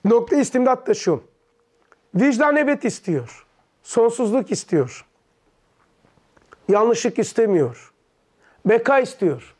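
A man with a fairly high voice teaches a religious text to a small study circle. He fires short questions at his listeners, answers many of them himself, and breaks hard terms down into everyday words. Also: big pitch swings, slow, pauses often, a little mellow, breathy edge. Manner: explains terms in plain words; leans back in an armchair while teaching.

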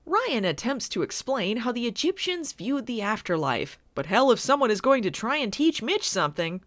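A woman recapping a TV episode with sarcastic, deadpan asides. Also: fairly high pitch, normal speed, no echo. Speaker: video reviewer. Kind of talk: comedic recap narration.

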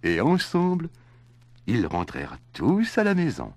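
A man's voice: medium pitch, wildly swooping pitch, measured pace, no room sound. A man narrating a children's story in a scripted read-aloud style.

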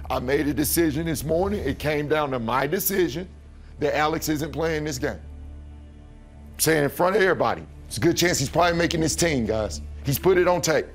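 An American man, a football position coach, briefing his team in a blunt, direct, swearing way. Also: on the high side. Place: small meeting room indoors. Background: music.

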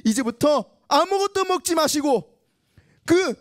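A woman voicing a commanding king in a children's Bible story, proclaiming a decree slowly. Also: high voice, expressive, voice pushed up. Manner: slow, proclaiming.

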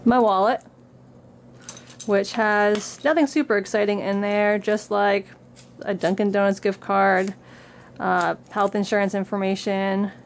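A young woman recovering from a cold, a craft vlogger, casually shows viewers what's in her bag in an indoor room with a plain backdrop. Her medium-pitched voice is fairly even and a little slow, with slight background noise. She reads book excerpts with an upbeat lift, then chats plainly.

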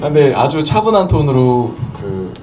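A man actor telling a behind-the-scenes story at a screening, acting out the lines he quotes. His pitch jumps around a lot. He is picked up from some distance, with faint noise. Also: sing-song, normal speed. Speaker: film actor. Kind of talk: animated storytelling at a Q&A.

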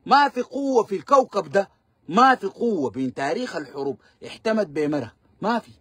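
Fiery fast-talking Sudanese commentator, man. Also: sits high, lively intonation, fairly bright tone, husky, dry recording, studio quality. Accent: Sudanese Arabic. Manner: fiery, combative ranting. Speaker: political commentator. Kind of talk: live-stream political commentary.

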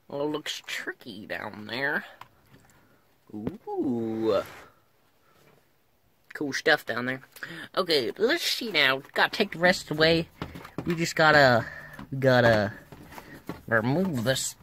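A man's voice: on the high side, big pitch swings, slow, long pauses, pushed and bright, slight background noise. A man filming himself pulling speakers out of an old pickup, talking in a joking put-on twangy drawl and muttering while he works inside the cab. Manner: mutters and grunts while working with his hands. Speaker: car-repair vlogger. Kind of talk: casual hands-on tutorial chat. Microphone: handheld camera held close while working.

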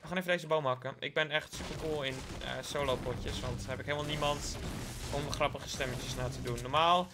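A man's voice: a little high, fairly even intonation, brisk, heavy background noise. A young man from the Netherlands with a Dutch accent, giving playful live gameplay commentary, joking with his viewers and dropping English slang. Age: young adult. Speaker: gaming YouTuber.

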